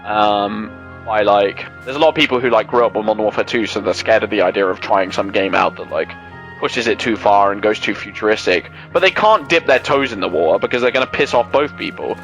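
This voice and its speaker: A young man hosting a gaming channel, chatting casually over gameplay in animated, rambling rants full of swearing and filler words. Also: fairly low pitch, fairly quick, soft background music.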